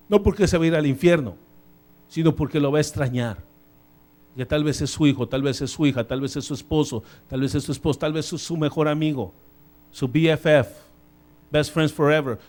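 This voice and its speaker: Male pastor, church sermon, animated delivery, loud peaks and soft asides, fairly high voice. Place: church sanctuary.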